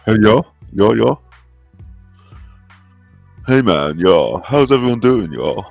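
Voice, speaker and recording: A man doing a gravelly laid-back dude. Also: on the low side, sing-song, takes it slowly, a little mellow, dry recording, dull audio, soft background music, exaggerated voice. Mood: breezy.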